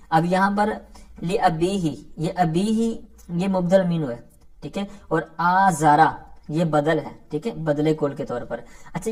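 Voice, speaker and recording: Male teacher, grammar lecture, patient step-by-step explaining, frequent check-ins with listeners, careful slow recitation of verses. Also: fairly high pitch, a little mellow. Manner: keeps checking in with "theek hai" between points. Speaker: religious studies teacher.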